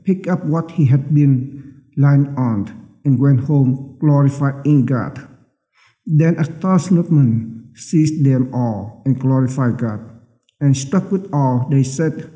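Male priest, middle-aged, very mellow and dark, measured scripture reading in a cathedral echo. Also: mid-range voice. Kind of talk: solemn Gospel reading at Mass. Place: small church sanctuary, at the lectern. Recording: echoey church with long reverb.

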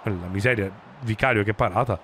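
A man's voice: lowish voice, fairly quick, fairly bright tone. A man, doing live football video game commentary in an emphatic, exclaiming way. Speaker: game streamer. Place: indoor streaming room. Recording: clear background game noise. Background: football game stadium ambience.

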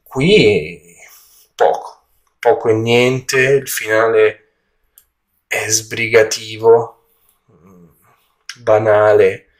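Male film reviewer, lowish pitch, casual, halting delivery, searching for words, slightly echoey room. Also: fairly even intonation. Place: indoor room at home during a move.

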